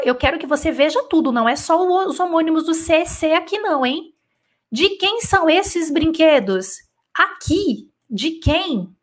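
Her pitch is high and her tone fairly bright as she teaches French online in real time. She dictates at a slow pace, then switches to easygoing, talkative Portuguese explanations peppered with "tá?".

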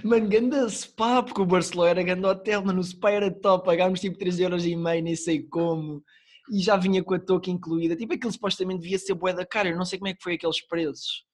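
A young man with a Lisbon Portuguese accent and a slightly high-pitched voice. He talks like a podcast co-host among friends, casual and slangy. Swear words come freely. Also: fairly even intonation, fast talker. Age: young adult. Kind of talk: casual chat. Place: online call.

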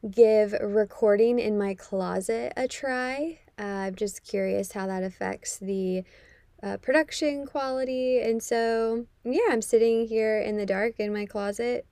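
A woman's voice: fairly high pitch, mellow, no room sound. A young American woman from the Midwest reading a scripted introduction as host of her podcast. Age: young adult.

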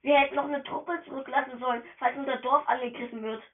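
A woman giving casual, excitable let's-play commentary as she plays, chatty and slangy, often tripping over her words. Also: high-pitched, fast talker. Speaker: gamer narrating her play. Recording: tinny phone-quality voice message.

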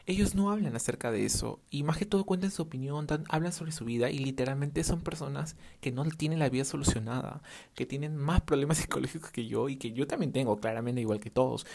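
A man's voice: mid-range voice, fast, creaky, a little mellow. A young man hosting a casual solo podcast without a proper microphone, rambling and drifting off topic. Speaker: podcast host, clothing brand owner. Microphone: no dedicated microphone.

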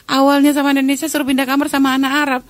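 Middle-aged woman, advice speaker; direct, chatty, animated storyteller. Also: high voice, racing, no room sound. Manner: direct, addresses listener as "Anda". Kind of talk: conversational advice talk.

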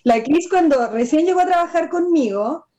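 Chilean woman, high voice, animated storyteller, muffled lo-fi sound. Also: moderate pace. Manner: animated, laughing while telling anecdotes. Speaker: nail artist and tattooist. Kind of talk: casual storytelling. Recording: muffled lo-fi audio.

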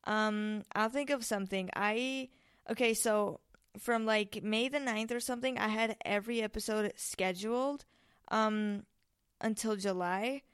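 A woman's voice: medium pitch, a little slow, fairly bright tone, clear, resonant tone. A teenage girl from Spain hosting her podcast, rambling casually with many ums and restarts, a little tired and nervous. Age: late teens. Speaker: podcast host. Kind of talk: casual solo podcast chat.

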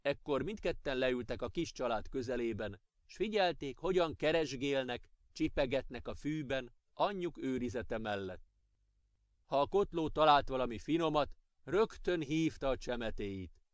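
A man narrating a children's storybook audiobook with expressive storytelling. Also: mid-range voice, no echo, clean studio sound.

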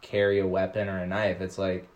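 A man appears as a guest on a casual chat show. He rambles and stops and starts, leaning on "like" again and again, in a fairly low voice. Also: monotone, a little mellow, lo-fi sound. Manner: rambling, halting, heavy use of "like".

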